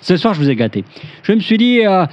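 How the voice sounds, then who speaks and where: A man's voice: high-pitched, sing-song, fast, dry recording, lo-fi sound. A man co-hosting a comic radio parody, speaking in a mock-grand, lecturing manner. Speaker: co-host playing a pompous lord.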